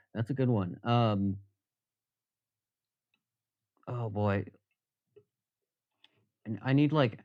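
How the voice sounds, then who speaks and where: A man's voice: on the low side, no echo. A man live-streaming from his workbench, chatting casually and jokingly with many fillers while he works. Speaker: livestreamer. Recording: dull, slightly lo-fi stream audio.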